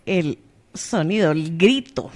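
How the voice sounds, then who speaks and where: A woman's voice: low-pitched, animated, slow pace. A woman taking part in a radio Bible class, answering the teacher's questions and reading verses aloud. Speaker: class participant.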